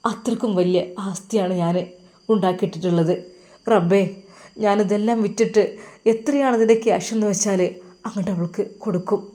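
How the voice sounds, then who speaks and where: A tearful, pleading old father, voiced by a woman storyteller. He talks softly with a Malappuram Malayalam lilt, his voice low and worn from grief. This is a spoken storybook figure. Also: fairly quick, natural voice. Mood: despairing. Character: grieving elderly father pleading for his son.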